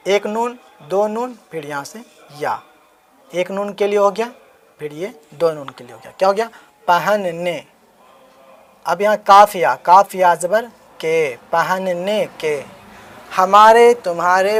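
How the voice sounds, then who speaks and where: Brief: high-voiced male teacher, slowly spelling letters and quizzing himself. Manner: spells out letters slowly, repeats words, asks and answers his own questions. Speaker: online Urdu writing teacher. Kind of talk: step-by-step handwriting lesson. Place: home, with beggars on a loudspeaker outside.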